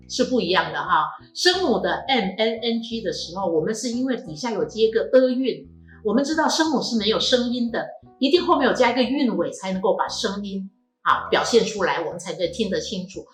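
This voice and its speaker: Taiwanese mandarin lady teaching sounds, bright voice, patient, echoey room w faint music behind. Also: medium pitch. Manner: patient, drills sounds slowly and repeats them. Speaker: language teacher. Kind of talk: phonetics lesson.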